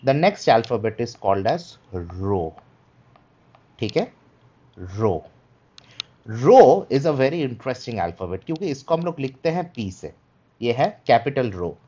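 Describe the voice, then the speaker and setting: A man's voice: medium pitch, mellow. A man teaching Greek letters in a livestreamed lesson, patiently switching between Hindi and English and checking in often with listeners. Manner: patient, repeats "ठीक है" to check understanding; mixes Hindi with English phrases. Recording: dull lo-fi stream audio.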